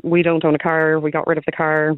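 A woman's voice: deep voice, monotone, fairly quick, dry recording. An earnest woman explains things as a campaigner in a radio phone interview. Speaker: public transport campaigner, phone-in guest. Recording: tinny, dry phone line.

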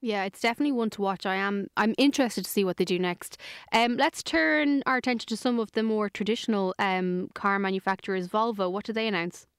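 Female, smooth clear voice, medium pitch, conversational host, dry recording. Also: fairly quick, no room sound. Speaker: show host. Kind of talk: conversational interviewing.

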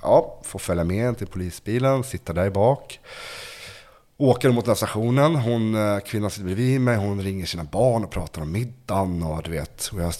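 A young man telling a personal story in a conversation, halting and repeating words, padding with fillers. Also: fairly low pitch, a little mellow. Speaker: guest telling his story.

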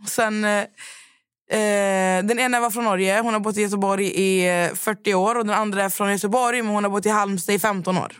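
A woman's voice: mid-range voice, clean tone, no room sound, studio quality. A woman with a Swedish accent, a podcast host telling stories in casual chat and acting out what people said. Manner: animated storyteller acting out quotes.

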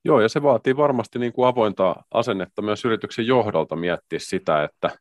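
Male podcast co-host, very low voice, measured and hedging, dry recording. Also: no room sound. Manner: measured, hedging, many restarts. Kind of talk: casual discussion on work culture.

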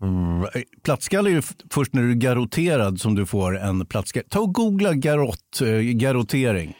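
A man's voice: medium pitch, sing-song, darkish tone, no echo. A man co-hosting a podcast in casual chat, trading dry, wry banter. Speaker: podcast co-host.

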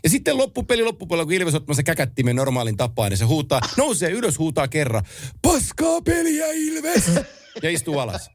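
A man chatting casually about sports, telling animated stories and laughing often. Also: on the high side, no room sound.

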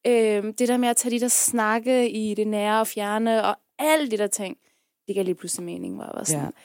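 A woman's voice: mid-range voice, darkish tone, no room sound, clean studio sound. A woman guest and activist talking casually and candidly, often searching for her words. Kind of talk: casual conversation.

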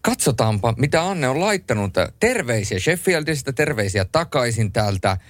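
A man hosting a late-night radio show in a studio, chatting and joking lively and reading listener messages aloud. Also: mid-range voice, no room sound. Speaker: radio host. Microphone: studio microphone.

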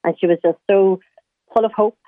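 A woman's voice: medium pitch, steady tone, moderate pace, no echo. A woman in her late thirties with a Donegal Irish accent, chatting informally and reminiscing as a caller to a radio show. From County Donegal, Ireland. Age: late 30s. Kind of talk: personal reminiscence in casual conversation. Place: phone call to a radio show. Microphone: telephone. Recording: tinny phone line.

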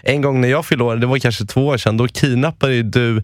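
A young man with a mid-range voice tells a story briskly and with energy. He co-hosts a casual podcast and is recorded close in a dry, dead-sounding space. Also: mid-range voice, fairly even intonation, no echo. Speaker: podcast co-host. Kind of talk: casual chat.

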